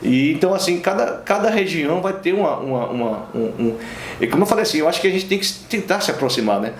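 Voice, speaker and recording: Bahian male guest, rapid casual talk full of fillers, roomy recording with a faint hiss. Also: fairly high pitch, lively intonation. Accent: Bahian Portuguese. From Brazil, Bahia. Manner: rambling anecdotes with many fillers and restarts. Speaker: interview guest, singer. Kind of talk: casual interview chat.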